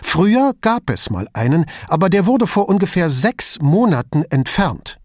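A male reader voicing a stern female police officer who speaks firmly and deliberately. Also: high voice, sing-song, a little mellow, no echo, studio quality, voice pushed up.

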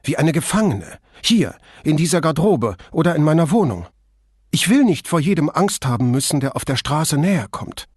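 A man's voice: fairly high pitch, sing-song, normal speed, slightly rough, no room sound, clean studio sound, pitched above the performer's own voice. A man voicing a frightened, dramatic female stage star who speaks in agitated, theatrical outbursts. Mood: anxious.

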